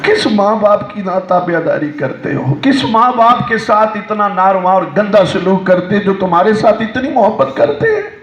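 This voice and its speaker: A man preaching an emotional sermon with a Pakistani Urdu accent, telling a story in a voice that swings from soft pleading to loud cries. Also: high-pitched, very animated. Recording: echoey, dull lo-fi sound.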